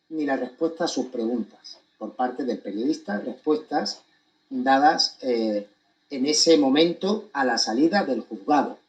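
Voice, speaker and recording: A man with an accent from Spain gives a deliberate, emphatic monologue to an audience, breaking his phrases with pointed pauses. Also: medium pitch, a little mellow, rough recording. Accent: Spanish from Spain. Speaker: commentator giving his account of a court case.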